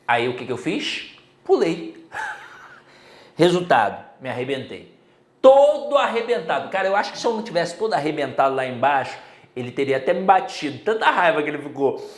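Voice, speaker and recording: A man's voice: fairly high pitch, very animated, normal speed, roomy sound. A middle-aged Brazilian man giving a casual exam-prep Portuguese lesson, chatty and full of personal stories. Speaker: Portuguese teacher.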